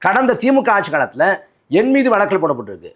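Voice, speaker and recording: Forceful party spokesman, lively pitch. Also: fast. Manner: forceful, rhetorical, repeats phrases for emphasis. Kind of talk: political interview.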